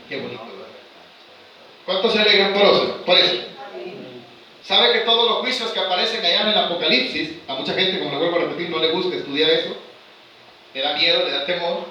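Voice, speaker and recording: A man leading a church Bible study, asking his listeners questions and reading verses slowly aloud. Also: a little high, bright, forceful tone, distant mic, muffled recording. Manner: asks the congregation rhetorical questions, slows to read verses aloud. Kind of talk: sermon-style Bible study. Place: church hall. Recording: very echoey church hall, voice off-mic.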